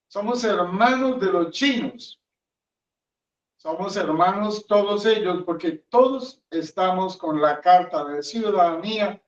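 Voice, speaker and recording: A man, a friar, preaching a homily with an emphatic, repetitive cadence and rhetorical questions, recorded in a chapel. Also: high-pitched. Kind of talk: sermon. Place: chapel of a hermitage. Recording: echoey, dull sound from a distant mic.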